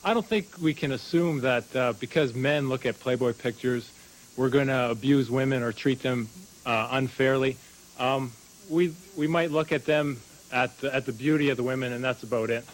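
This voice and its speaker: A man commenting haltingly from a talk show audience. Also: mid-range voice, fairly even intonation, slight background noise, poor audio. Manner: hesitant, halting. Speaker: studio audience member.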